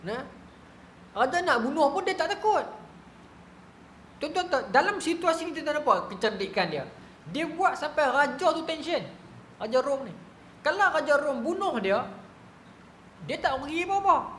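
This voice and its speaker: A man giving a storytelling religious lecture, colloquial and animated, often checking in with his listeners. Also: very high-pitched, reverberant, a little hiss or hum.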